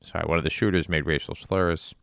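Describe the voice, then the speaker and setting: A man delivering an earnest monologue on current events in deliberate, halting phrases with emphatic repetition. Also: sits low, fairly even intonation, gravelly, fairly bright tone, no echo, clean studio sound. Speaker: spin class instructor.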